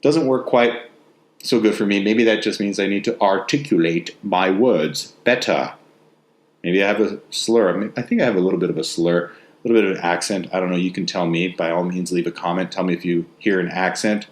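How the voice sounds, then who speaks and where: A man's voice: sits low, brisk. A man with a West Texas accent talking casually in a rambling, conversational monologue, telling anecdotes in a self-deprecating way. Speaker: novelist and host. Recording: roomy, echoey sound.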